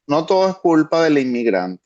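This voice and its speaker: Venezuelan man, slightly high voice. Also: big pitch swings, a little mellow, highs cut off. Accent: Venezuelan Spanish. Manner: measured, thinking aloud with frequent restarts. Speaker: guest, international security analyst. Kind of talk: conversational expert analysis.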